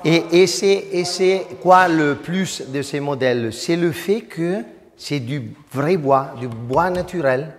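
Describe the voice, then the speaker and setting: A fairly high-voiced man guiding a tour as an acoustic engineer. He explains things plainly with a few fillers, and his voice rings out with long reverb in a big hall. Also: slow.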